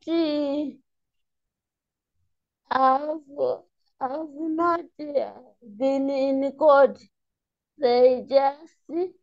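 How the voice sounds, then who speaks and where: A woman giving a halting spoken presentation at an online meeting over a video call. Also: high voice, muffled recording.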